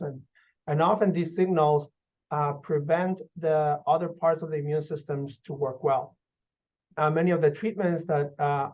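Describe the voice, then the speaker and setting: A man in his thirties from Guatemala, a physician researcher answering interview questions in measured explanations with many fillers. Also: a little high, darkish tone. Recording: dull lo-fi audio.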